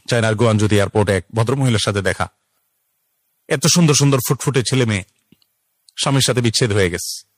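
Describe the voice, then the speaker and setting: A man's voice: medium pitch, dry recording, clean studio sound. A man preaching a sermon in an earnest, exhorting way, acting out the voices of the people he quotes. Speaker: Islamic preacher.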